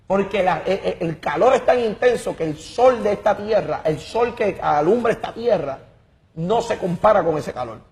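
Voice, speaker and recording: Fervent man, high voice. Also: expressive, moderate pace, darkish tone. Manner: emphatic and dramatic, repeats words while searching. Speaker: guest giving a testimony. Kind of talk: impassioned religious testimony.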